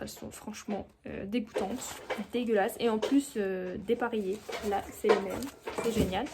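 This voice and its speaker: A young woman talks to her camera at home, bubbly and chatty. Her voice sits fairly high and she fills gaps with frequent hesitations. There is a faint hiss behind her. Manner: chatty and enthusiastic, many fillers. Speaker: vlogger. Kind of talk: casual chat.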